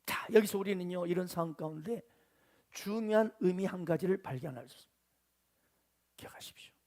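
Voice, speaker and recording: A man's voice: high-pitched, a little fast, darkish tone. A man preaching a sermon to a congregation, asking them questions and voicing the Bible figures in the story. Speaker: pastor.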